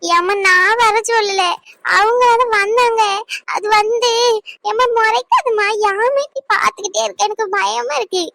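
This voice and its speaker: A woman's voice: extremely high pitch, moderate pace, gravelly, bright, forceful tone, slight background noise, heavily acted. A woman voicing a timid, sheepish young daughter in a cartoon, who talks hesitantly and apologetically. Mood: frightened. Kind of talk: Tamil cartoon voice acting.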